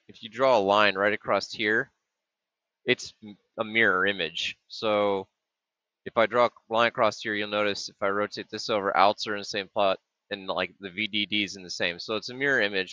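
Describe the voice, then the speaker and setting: Low, bright-toned man thinking aloud. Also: fairly even intonation, a little fast, dry recording. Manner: thinking aloud, with many ums and trailing restarts. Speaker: maker explaining a project. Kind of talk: casual screen-share walkthrough. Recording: dull, dry lo-fi webcam audio.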